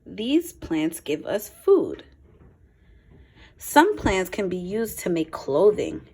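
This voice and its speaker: Reading a picture book aloud to young children, a teacher uses expressive phrasing and adds simple explanatory asides. Her voice is lowish, slow and husky.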